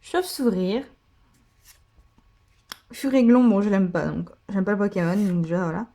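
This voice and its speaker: A woman's voice: medium pitch, normal speed, warm tone. A woman chatting casually as she opens trading card packs, gushing over the cards she pulls, with many fillers. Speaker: card-opening vlogger. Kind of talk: casual pack-opening commentary.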